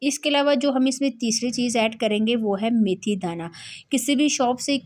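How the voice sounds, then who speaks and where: A woman's voice: a little high, normal speed, a little mellow. A young woman chatting her way through a home-remedy cooking tutorial, explaining each step and talking freely along the way.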